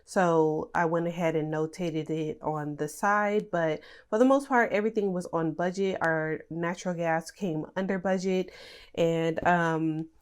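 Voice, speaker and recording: A young woman hosting a budgeting channel talks casually over her budget planning at a measured pace, in a clear, resonant tone. Her voice, a little low, is nasal and congested from a cold, and her easygoing chatter has many fillers.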